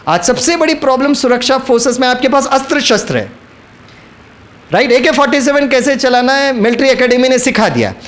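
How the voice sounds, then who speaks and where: Man, high and very animated, spiritual storyteller coaxing a crowd. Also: brisk. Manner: storytelling, coaxing the audience to repeat lines. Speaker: spiritual speaker. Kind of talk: motivational spiritual talk to an audience.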